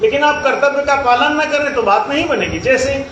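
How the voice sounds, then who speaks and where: A man's voice: very high-pitched, fairly quick, a bit bright, lo-fi sound. A man, a spiritual teacher, giving an emphatic, explanatory discourse that repeats phrases for effect. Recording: echoey room, faint noise.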